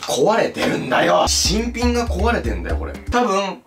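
Excitable young man hosting a comedy video. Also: soft background music. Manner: excitable, quick swings in pitch, joking complaints. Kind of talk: casual comedic chat with impressions.

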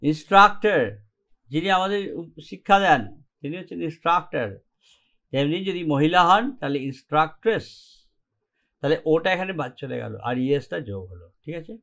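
With a slightly high, somewhat bright voice, lively intonation, and a fairly quick pace, a man runs an online English grammar lesson in Bengali. He explains each step and repeatedly confirms students are keeping up.

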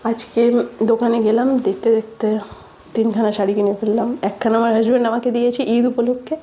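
A woman's voice: a little high, little pitch movement, fast, dark tone. A young woman, vlogging in a casual, chatty way and often trailing off to recheck what she means. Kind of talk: casual vlog chat.

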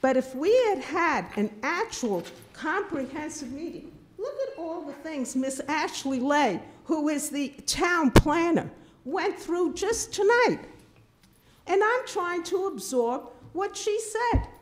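A woman's voice: high voice, animated, takes it slowly. An older woman giving an indignant, emphatic public comment at a town board meeting, speaking into a podium microphone in a meeting room. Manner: indignant, emphatic, repeats herself. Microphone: podium microphone, filmed from a distant camera.

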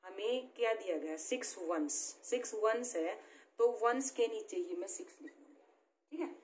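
A woman's voice: medium pitch, expressive, normal speed, a little mellow. A woman teacher explaining math step by step, often checking in with her pupils. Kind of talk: classroom-style math lesson. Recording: echoey room with faint background noise.

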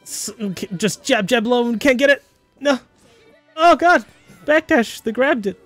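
Man, 20s, high voice, esports commentator, laughs a lot, quick play calls, faint background music. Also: lively intonation, a bit bright, no room sound. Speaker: fighting game commentator.

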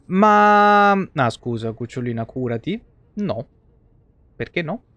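A live streamer talks to his chat from a home streaming room, his fairly high, expressive voice moving at a slow pace with a fairly bright tone. His game commentary is casual, blunt and full of swearing, and video game music plays behind him. The sound is lo-fi with no echo.

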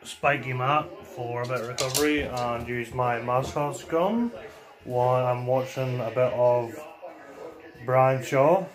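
A young man chats to camera at home in a relaxed vlog style. He sounds easygoing and plain-spoken, with a mid-pitched voice and plenty of ums and uhs, recorded on a nearby camera mic. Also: unhurried, crowd noise. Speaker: fitness vlogger. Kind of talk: casual vlog talk to camera. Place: home, garage gym and living room.

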